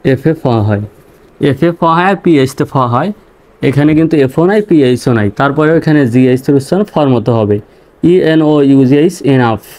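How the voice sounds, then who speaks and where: A man teaching English vocabulary in a slow lesson, spelling words out letter by letter and repeating each meaning patiently. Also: mid-range voice, a little mellow.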